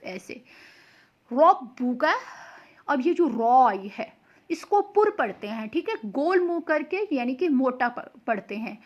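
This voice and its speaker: A young woman patiently explaining tajweed pronunciation and reciting slow examples as a Quran recitation teacher. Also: high voice, lo-fi sound. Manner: patient and explanatory, often checks in with "okay".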